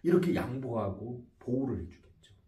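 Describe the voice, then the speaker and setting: A man, a psychology professor, giving a video lecture in an animated way and acting out short example dialogues. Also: medium pitch, moderate pace. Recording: echoey room, voice from far off mic.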